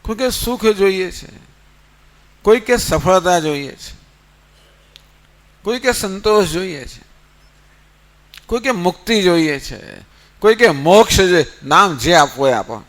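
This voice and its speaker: A man's voice: high voice, lively intonation, a bit bright. A man giving a spiritual discourse, telling a story and asking and answering his own questions. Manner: storytelling with rhetorical questions, counts slowly. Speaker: spiritual teacher. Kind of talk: Gita discourse.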